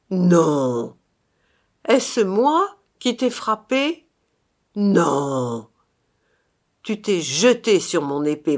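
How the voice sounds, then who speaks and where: A woman's voice: low voice, pitched below the performer's own voice, full character voice. A woman voicing a defiant male ghost. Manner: loud, declaiming, hissing through teeth. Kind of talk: audiobook reading.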